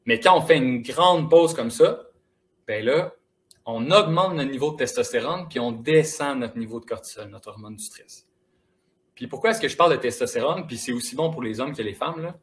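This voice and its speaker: A young man with a Quebec French accent giving a lively, casual, encouraging motivational talk to students in a school auditorium. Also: medium pitch, moderate pace. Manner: lively, casual and encouraging, addressing the audience directly. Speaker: motivational speaker.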